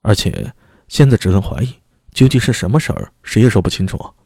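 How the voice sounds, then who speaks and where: A man's voice: fairly low pitch, expressive, fairly quick, mellow, husky, no room sound, studio quality. A man voicing a cautious male constable in an audio story, speaking in a hesitant, placating way. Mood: wary.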